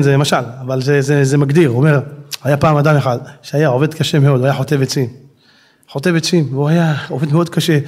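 A male preacher delivers a sermon with an animated storytelling manner. His voice sits high, and he turns to his listeners with rhetorical questions.

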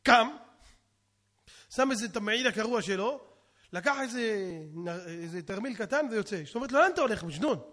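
A man telling a parable in a sermon, lively and dramatic, often calling out to his listeners. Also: high-pitched, long pauses. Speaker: preacher and storyteller. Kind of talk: animated sermon storytelling.

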